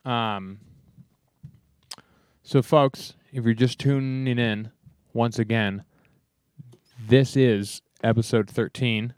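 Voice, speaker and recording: Male podcast co-host, casual and jokey, average pitch, talks through what he's doing on screen. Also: steady tone, slow, clear, resonant tone, no echo. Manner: joking, rambling, demonstrates software aloud. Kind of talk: casual chat.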